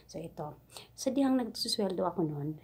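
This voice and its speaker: A woman's voice: lowish voice, expressive, normal speed, a little mellow, slightly rough. A woman from the Philippines with a Cebuano accent, a domestic helper telling funny stories in a casual vlog, chatty and giggly as she mimics her employer's broken English.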